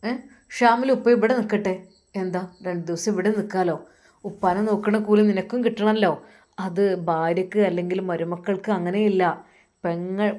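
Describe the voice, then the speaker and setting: A woman with a Malappuram Malayalam accent voicing a gentle, religious young husband who steadily reassures his wife. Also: mid-range voice, natural voice. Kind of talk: storytelling voice acting.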